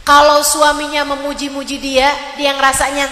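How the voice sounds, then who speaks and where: A woman's voice: sits high, level tone, normal speed, pushed and bright. A woman preacher giving a sermon to women, repeating short exhorting refrains. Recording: echoey hall reverb.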